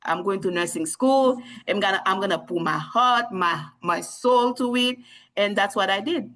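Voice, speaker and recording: A woman's voice: medium pitch, normal speed, a bit bright, low-quality recording. A woman from Haiti, a nurse practitioner, speaking earnestly as a podcast guest with many restarts. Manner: earnest, repeats herself, frequent restarts. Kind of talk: interview conversation.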